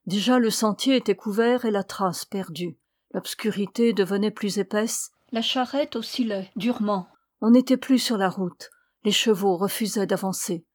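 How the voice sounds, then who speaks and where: Dry, measured woman reading a novel. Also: medium pitch, no echo. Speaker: audiobook reader.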